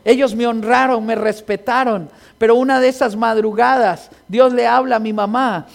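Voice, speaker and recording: A man preaching a sermon, telling personal stories with quoted dialogue and rising into impassioned, shouted exhortation. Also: very high-pitched, fairly even intonation, normal speed, vocal fry.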